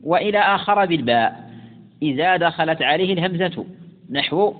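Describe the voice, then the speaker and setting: A man teaching classical grammar, who slowly recites examples and repeats words for emphasis. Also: fairly high pitch, expressive. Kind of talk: lesson explaining classical grammar. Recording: tinny phone-like sound with long reverb.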